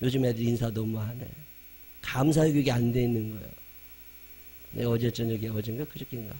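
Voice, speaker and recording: A man, preaching a sermon and swinging between loud emphasis and quiet asides. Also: medium pitch, fairly even intonation, fairly quick, a little hiss or hum. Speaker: pastor.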